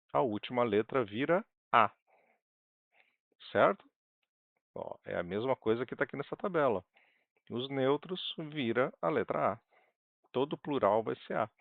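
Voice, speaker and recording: A Brazilian man with a Brazilian Portuguese accent teaching a language online, patiently repeating words slowly and stressing syllables. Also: mid-range voice, animated, creaky, dry recording, narrow, tinny audio.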